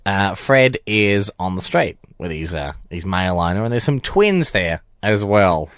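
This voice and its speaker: A man's voice: deep voice, big pitch swings, unhurried, dry recording, clean studio sound. A young man co-hosting a comedy radio show, reading a comic strip aloud in a playful, mock-dramatic way. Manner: mock-dramatic, playful storytelling with put-on quotes. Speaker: radio co-host.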